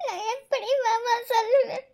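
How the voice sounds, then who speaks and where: A tearful young woman in a cartoon, crying and stammering through her words. Her voice sits very high and thin. A performer voices her. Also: measured pace. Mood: panicked, sobbing. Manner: stammering, sobbing. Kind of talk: cartoon voice acting.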